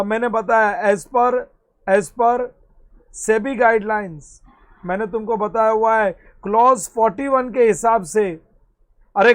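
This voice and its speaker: A man with an Indian accent giving a classroom accounting lecture, repeating key points and mixing in English terms. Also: high-pitched. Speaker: accounting teacher.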